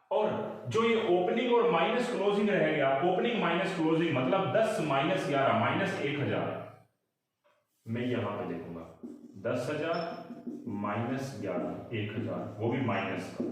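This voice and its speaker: Male tutor, lively pitch, explanatory and question-driven, recorded a bit off-mic in an echoey room, mix. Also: distant mic. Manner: explanatory, asks students questions and answers them. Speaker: commerce teacher. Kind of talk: explaining accounts in a recorded lesson. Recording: roomy, echoey room, mic set back.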